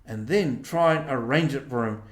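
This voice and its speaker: A man's voice: medium pitch, moderate pace, close to an everyday voice. Man playing vain, self-important storybook Toad, roomy sound. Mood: airily obliging. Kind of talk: storybook character reading.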